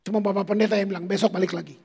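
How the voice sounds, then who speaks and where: A man's voice: high voice, fairly even intonation, very fast, vocal fry, darkish tone, slightly rough. A pastor preaching a sermon to his congregation, telling personal stories and calling them "saudara". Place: church sanctuary. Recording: long church hall reverb.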